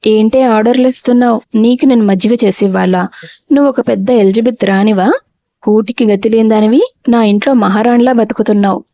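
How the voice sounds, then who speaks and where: A woman's voice: on the high side, steady tone, a little fast, dark tone, no room sound, natural voice. A woman voicing a greedy, harsh middle-aged mother-in-law who scolds and insults, in an audio storybook. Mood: harsh scolding. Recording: dull, dry lo-fi recording.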